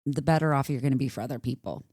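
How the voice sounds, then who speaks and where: A woman's voice: very deep voice, very fast, darkish tone, slightly rough, no echo, studio quality. A woman co-hosting a yoga podcast in casual chat, chatty and upbeat, with lots of "like" and "right?". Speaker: yoga teacher and podcast co-host.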